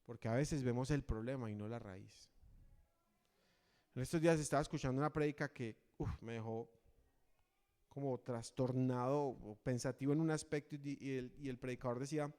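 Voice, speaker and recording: A man preaches in a church, his voice ringing out with a long reverb trailing after each phrase. He speaks at a mid pitch and keeps turning to rhetorical questions, earnest and direct. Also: normal speed, darkish tone. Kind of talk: sermon.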